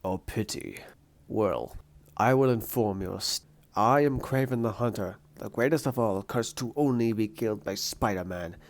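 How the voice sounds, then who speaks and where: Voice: medium pitch, expressive, normal speed, close to an everyday voice. A performer voicing a pompous, menacing male supervillain hunter in a comic dub, speaking in a grandiose, formal, haughty way. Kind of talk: theatrical comic-book villain dub.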